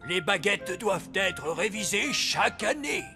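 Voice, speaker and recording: A man playing a fussy, wise old elf in a children's cartoon, explaining things in a measured, pedantic way. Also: high-pitched, sing-song, creaky, music in the background, heavily acted. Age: older. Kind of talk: animated children's cartoon acting.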